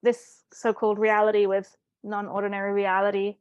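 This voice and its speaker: A woman's voice: mid-range voice, completely flat delivery, moderate pace, clean tone, no room sound, highs cut off. A woman who grew up in Italy, a guest on an interview, telling her story in an earnest and reflective way. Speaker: guest, life coach. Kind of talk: interview conversation.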